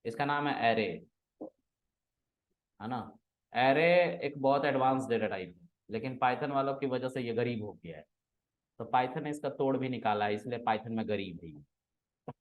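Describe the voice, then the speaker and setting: A man's voice: mid-range voice, moderate pace, pauses often. A man teaching a programming class, casually quizzing and teasing his students in a classroom. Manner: teasing, asks students questions and scolds them.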